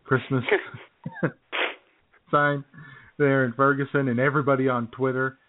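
This co-host of a political comedy radio program sounds like he's on a phone connection, the internet radio audio thin and tinny. He speaks in a flat, measured way with a mid-range voice, yet the banter stays casual and wry, full of jokes and frequent chuckles.

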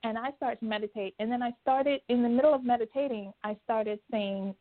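Lively woman storytelling over a tinny phone call, higher voice. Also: a little fast. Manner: animated storyteller. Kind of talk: casual chat.

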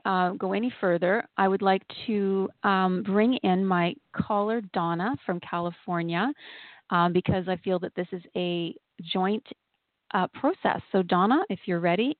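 A woman hosting a spiritual podcast, speaking in a soothing, gentle, unhurried way with pauses, like a guide leading a meditation. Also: mid-range voice, dry recording. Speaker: podcast host and channeling healer. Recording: thin phone-like sound.

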